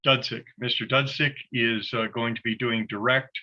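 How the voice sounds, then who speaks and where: A man presides as judge over a mock trial held on a video call. His voice is bright and forceful yet courteous, and he often stops to fill gaps with "uh" while directing the proceedings. The sound is dull and lo-fi, like compressed call audio. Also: mid-range voice, steady tone. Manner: polite, halting, with many "uh" fillers.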